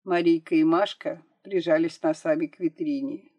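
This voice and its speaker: A woman narrating an audiobook with a measured, expressive reading. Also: deep voice.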